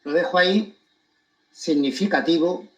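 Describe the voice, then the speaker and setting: Higher-pitched man from Spain speaking emphatically. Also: a bit bright, low-quality recording. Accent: Spanish from Spain. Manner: deliberate, emphatic, with pointed pauses. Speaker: commentator giving his account of a court case. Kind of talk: spoken monologue to an audience.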